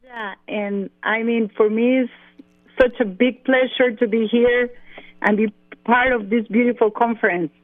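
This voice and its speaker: A woman's voice: fairly high pitch, fairly even intonation, unhurried, dry recording. A woman in her forties with a Costa Rican Spanish accent, a guest telling her story in an interview and laughing easily. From Costa Rica. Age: 40s. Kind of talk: interview by phone. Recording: dry phone-line audio.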